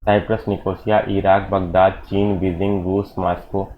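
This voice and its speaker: A man's voice: low voice, level tone. A male coaching teacher giving an exam-prep geography lecture, reciting lists and often saying "okay" and addressing the students as kids. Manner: rapid list recitation with repeated "ठीक है" and "बच्चों". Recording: dull lo-fi audio with faint noise.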